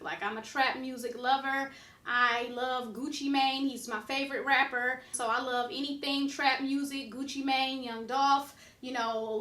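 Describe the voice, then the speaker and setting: Chatty high-voiced woman vlogger. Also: bright, forceful tone, echoey room. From United States. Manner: chatty, repeats herself with "you know" and "like". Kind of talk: casual talk to camera.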